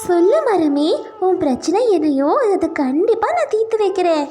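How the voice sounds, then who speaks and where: A woman's voice: extremely high pitch, lively intonation, normal speed, mellow, voice pushed up. A woman voicing a sweet, stubborn little girl in a cartoon story, eager and coaxing. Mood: eager, kind.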